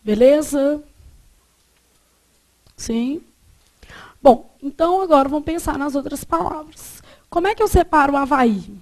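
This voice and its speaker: A Brazilian woman teaching grammar to a classroom, her voice sitting high. She keeps quizzing the students, stopping often to check that they follow before moving on. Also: expressive, a little slow, pauses often, darkish tone. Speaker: Portuguese teacher.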